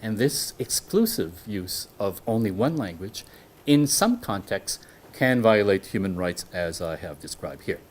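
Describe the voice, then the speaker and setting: In a lecture hall, a French-speaking guest lecturer gives an academic talk on law in measured English, frequently restarting phrases and questioning the audience. His voice runs on the low side and sounds animated.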